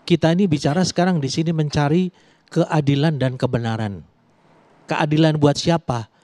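Measured man with a mellow voice. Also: on the high side, no echo. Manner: measured, hesitant with fillers. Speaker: legal expert guest. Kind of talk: talk-show answer.

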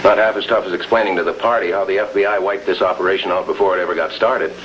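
An American actor playing a watchful undercover agent in a 1950s television crime drama, speaking in a clipped, grave way. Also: male voice, low-pitched, fairly even intonation, fast, fairly bright tone. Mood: firm, persuasive. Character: tense, watchful male undercover agent in his prime. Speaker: lead actor and voice-over narrator. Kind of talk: 1950s television crime drama acting and terse voice-over narration. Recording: muffled, noisy 1950s television film soundtrack.

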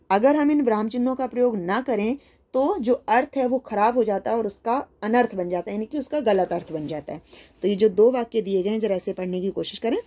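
Woman teacher, mellow voice, patient, rephrases points, worksheet lesson for kids. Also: medium pitch.

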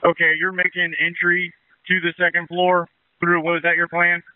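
A man's voice: sits high, completely flat delivery, normal speed, clear, resonant tone, dry recording. Urgent male fire commander on narrowband radio. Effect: two-way radio transmission. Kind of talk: emergency radio traffic, giving orders.

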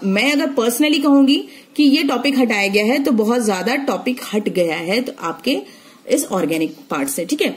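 Brief: young woman chemistry teacher, slightly high voice, repeats points and checks in with "theek hai". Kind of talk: online syllabus lesson.

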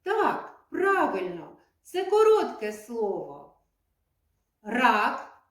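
A woman kindergarten teacher giving a lesson to young children, speaking slowly and clearly in a sing-song teacherly way. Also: a little high, big pitch swings, darkish tone. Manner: slow, clear, sing-song teacherly speech with drawn-out words. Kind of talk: preschool lesson addressed to children. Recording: echoey room, voice from a distance.

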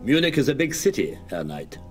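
Casting: man as a smooth, dodging club gentleman, lively intonation. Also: medium pitch, brisk, faint music behind, natural voice. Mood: evasive. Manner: smooth, evasive, hedging. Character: evasive German hunting-club gentleman.

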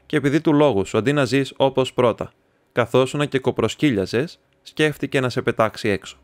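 A man reading the part of a talkative, excitable young male student who rambles, chats and teases his friend. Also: mid-range voice, no room sound, close to an everyday voice. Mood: chatty. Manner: rambling, chatty, teasing.

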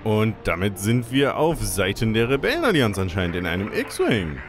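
A man's voice: fairly low pitch, sing-song, moderate pace, a little hiss or hum. A man giving casual let's play commentary, thinking aloud and exclaiming as he reacts to the game. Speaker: let's player. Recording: game music behind commentary.

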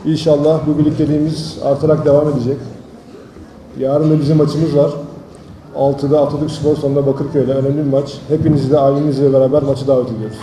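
A man's voice: on the high side, level tone, fast. A man in his thirties, a team general manager speaking at a panel into a handheld microphone. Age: 30s. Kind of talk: panel introduction. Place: school auditorium. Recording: echoey hall, faint noise.

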